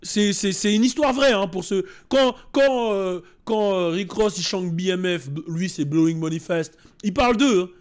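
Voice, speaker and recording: Animated, swearing high-voiced man. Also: moderate pace, clean tone. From France. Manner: animated, rants and mimics voices, swears often. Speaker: streamer reacting to a trailer. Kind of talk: casual reaction commentary.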